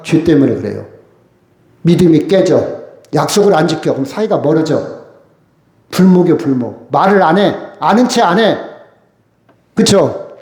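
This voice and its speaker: A man preaching a sermon as a pastor, with lively emphasis and frequent rhetorical questions. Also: a little high, creaky, echoey room. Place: church sanctuary.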